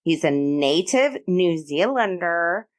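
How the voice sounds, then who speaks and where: A woman's voice: lowish voice, lively intonation, takes it slowly. A woman co-hosting a podcast in a casual, conversational way. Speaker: podcast co-host.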